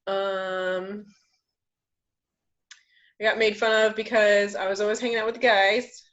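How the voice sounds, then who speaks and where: A young woman co-hosting a casual home podcast, chatting bluntly and telling stories with a joking edge, and she says her voice is deep for a woman. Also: level tone, a little slow, fairly bright tone. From Florida. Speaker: podcast co-host. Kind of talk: casual chat. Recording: muffled lo-fi home recording.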